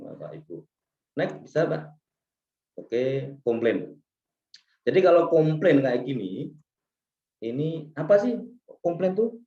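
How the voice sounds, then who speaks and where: A man's voice: medium pitch, darkish tone. A man giving a seminar talk on customer service, going through his points one by one and asking the audience to agree. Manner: explains points one by one, asks the audience "ya kan?"; acts out service staff lines in a raised voice. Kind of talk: seminar presentation with slides. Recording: echoey hall, dull PA sound.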